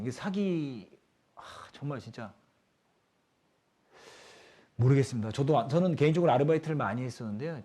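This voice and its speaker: A young adult man preaching a youth sermon, animated, acting out quoted people in lively voices. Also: mid-range voice, breathy edge.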